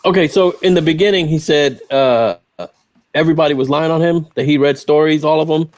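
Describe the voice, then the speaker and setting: Sarcastic, slightly high-voiced man comedian. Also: a little fast. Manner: punchy, sarcastic asides. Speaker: panelist comedian. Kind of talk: casual comedy panel chat.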